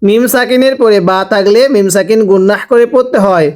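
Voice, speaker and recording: A man teaching Quran reading, spelling out each letter and vowel mark slowly, then asking the listener to repeat after him. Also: high voice, steady tone, a little mellow. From Bangladesh. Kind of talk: slow spelling-out recitation lesson.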